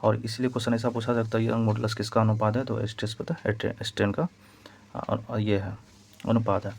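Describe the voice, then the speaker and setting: A man's voice: fairly low pitch, flat delivery, fairly quick, creaky, darkish tone. A man teaching an exam-prep physics lesson, explaining step by step and repeating key points. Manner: repetitive, explaining step by step while writing.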